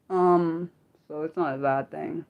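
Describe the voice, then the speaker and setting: Her voice is low and gravelly. A thirty-something woman runs an unscripted livestream, casually talking with viewers, going through comments, and rambling with self-corrections as her energy moves between excitement and a more subdued state.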